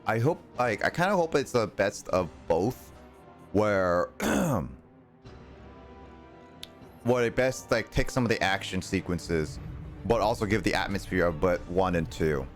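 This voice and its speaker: A man's voice: deep voice, animated, a little slow, pauses often. A young man giving casual live gameplay commentary, rambling and hesitant as he thinks aloud. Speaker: video game streamer. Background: game music.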